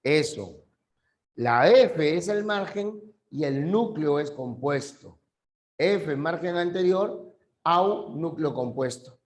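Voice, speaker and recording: Male teacher, measured classroom delivery, higher than average voice, patient and repetitive. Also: animated, roomy sound. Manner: patient, repeats key terms, checks understanding. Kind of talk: classroom language lesson.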